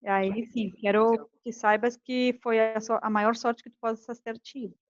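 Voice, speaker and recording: A woman's voice: on the high side, a little slow, no echo, muffled recording. A woman teaching a class on communication, acting out couples' arguments as she explains. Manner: animated, acts out quoted couples' arguments. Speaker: communication coach. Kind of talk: lecture to a class.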